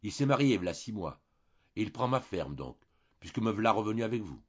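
A man's voice: on the low side, very animated, fairly quick, husky, lo-fi sound. A man reading as a rustic old maidservant. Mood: tearful, homely. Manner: rustic country speech. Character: older woman, a weeping rustic maidservant.

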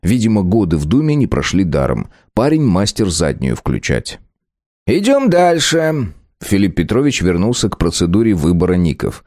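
A man narrating an audiobook with an expressive reading. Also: low-pitched, fairly quick, few pauses, dry recording, studio quality.

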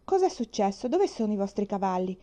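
A man's voice: high-pitched, sing-song, brisk, warm tone. A woman reading the part of a practical frontier father in an audiobook, speaking earnestly and emphatically. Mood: firm. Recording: muffled lo-fi recording.

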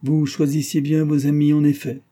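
Stern embittered husband, icy and sarcastic, read by a man with a very dark voice. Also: on the high side, monotone, moderate pace, voice pushed up, lightly acted. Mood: cold.

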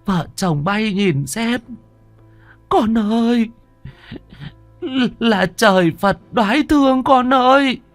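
Man playing sobbing old granny, very high shaky voice. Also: slow pace, pauses often, no echo, soft background music, full character voice. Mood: overjoyed tearful. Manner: high, trembling, stammering cries. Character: old grandmother, tearful and overjoyed.

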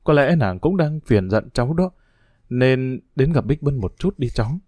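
A man's voice: mid-range voice, animated, normal speed, mellow, dry recording, studio quality, close to an everyday voice. Man voicing a fretful older aunt. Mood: worried. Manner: anxious, fretful questioning. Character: worried older aunt, a doctor's wife, proper.

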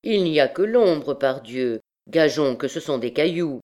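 A woman's voice: low voice, expressive, unhurried, a little mellow. A woman voicing a swaggering young male army captain who bellows oaths boisterously.

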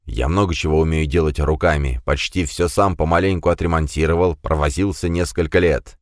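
A male narrator voicing a defiant, hot-tempered suspect who shouts denials. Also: a bass voice, fairly even intonation, fairly quick, no room sound, studio quality. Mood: curt. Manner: angry, denying, shouting outbursts.

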